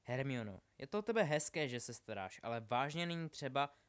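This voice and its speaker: A man's voice: mid-range voice, expressive, clear, resonant tone, lightly acted. A man voicing a tired grown wizard who brushes off concern, in an audiobook reading. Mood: dismissive.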